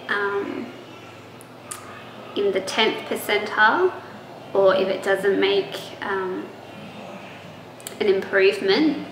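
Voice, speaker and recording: A young woman records a casual pregnancy vlog update in an echoey room with faint noise. Her voice is medium-pitched and a bit bright, though she's losing it. She's chatty, laughs easily, and fills her talk with ums and restarts.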